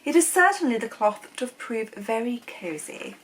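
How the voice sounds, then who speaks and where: A woman's voice: fairly high pitch, very animated, normal speed, a bit bright, a little hiss or hum. A woman putting on a posh old-fashioned reader. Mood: genteel. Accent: posh English.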